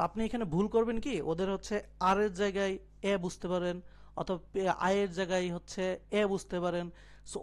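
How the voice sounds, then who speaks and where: A young man teaching an IELTS listening lesson in an online class, explaining step by step, mixing in English terms and checking that his students follow. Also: high-pitched. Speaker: IELTS tutor. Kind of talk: live online class lecture.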